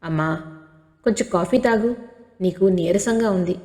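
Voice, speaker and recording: A woman reading the part of a caring young daughter who coaxes her mother softly, with a long hall reverb. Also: lowish voice, unhurried, close to an everyday voice. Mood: tender. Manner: soft, coaxing, pitying.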